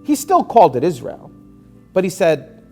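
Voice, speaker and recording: Attorney in his fifties raised in Palestine, earnest and emphatic storyteller, relaxed warm voice. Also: high-pitched, faint music behind. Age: 50s. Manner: earnest, emphatic, measured with frequent fillers. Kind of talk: personal storytelling to camera.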